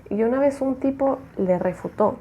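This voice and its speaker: A woman telling a true-crime story in a chatty, expressive way, acting out the quotes. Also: sits high, moderate pace, slight background noise.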